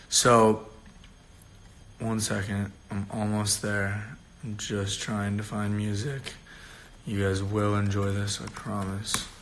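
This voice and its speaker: A young man hosting a casual livestream, tired and rough-voiced, rambling loosely and swearing casually. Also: on the low side, fairly bright tone. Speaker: livestream host. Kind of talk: casual live-stream chat.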